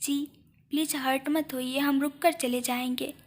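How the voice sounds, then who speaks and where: A woman voicing a devoted young wife who pleads softly and addresses her husband formally. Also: sits high, steady tone, a little slow. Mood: tearful.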